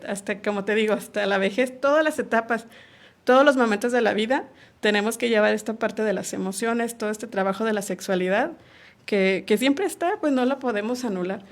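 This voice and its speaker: A woman, a guest on a podcast, calmly explaining sexual education in casual conversation and acting out small quoted dialogues. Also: a little high, vocal fry.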